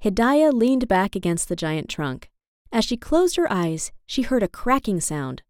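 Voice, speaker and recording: A woman narrating a children's storybook aloud in an expressive reading style. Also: mid-range voice, a little slow, no echo, clean studio sound.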